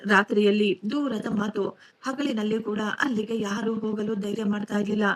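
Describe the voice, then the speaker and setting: A woman narrating an emotional first-person family story in a steady storytelling voice. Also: mid-range voice, moderate pace.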